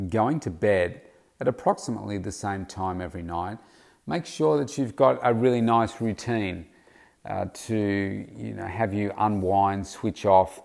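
His voice is gravelly and fairly low, with a darkish tone. The speaker, a middle-aged man hosting his own podcast, delivers a casual solo monologue full of fillers and restarts, hiccuping along the way.

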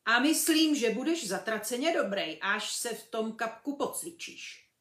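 A woman reading a children's book aloud, voicing a huge, blunt male gamekeeper in loud, folksy speech. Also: on the high side, expressive, echoey room. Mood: hearty.

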